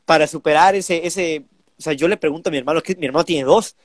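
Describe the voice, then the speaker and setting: A man's voice: a little high, fast, no echo. A man of twenty-two with a Mexican Spanish accent, telling stories animatedly in a casual interview. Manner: animated storytelling, imitates parents. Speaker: bullfighter guest.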